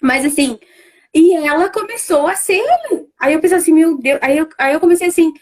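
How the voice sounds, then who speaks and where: A middle-aged woman with a high voice speaks in a loose, conversational way. She fills her talk with restarts and little fillers, as if chatting during a live stream. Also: a little fast, darkish tone. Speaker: family constellation facilitator.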